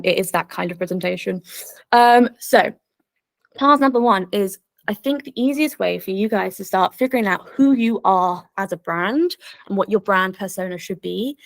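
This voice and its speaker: A woman's voice: mid-range voice, gravelly, no echo. Bubbly, chatty young woman presenter. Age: young adult. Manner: bubbly, chatty, filler-heavy. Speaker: workshop presenter. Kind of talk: casual online workshop talk.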